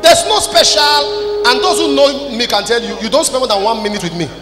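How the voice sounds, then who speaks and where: A high-pitched male Nigerian preacher talks a little fast in an echoing church hall, leading the service as an apostle. Standing on stage with a handheld microphone, he delivers a sermon in short, scolding, emphatic lines as music plays through the echoey PA.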